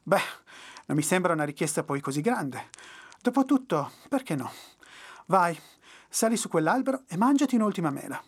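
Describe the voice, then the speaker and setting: A storyteller voicing the devil, an impatient male demon in a young man's form, haughty and quick to anger. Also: medium pitch, slightly rough. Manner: calm and haughty, bursting into furious shouts. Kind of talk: storybook reading.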